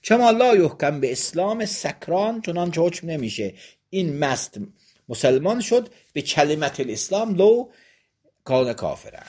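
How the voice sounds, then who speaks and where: Man, husky voice, lively rising and falling pitch, reads a text aloud then explains it step by step, seminary lecture. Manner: reads passages aloud, then explains them plainly point by point. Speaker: religious law teacher.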